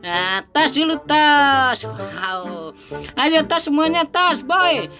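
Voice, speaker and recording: A woman who narrates playfully for children as a clown vlogger and is full of excited exclamations. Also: high voice, extremely slow. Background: music.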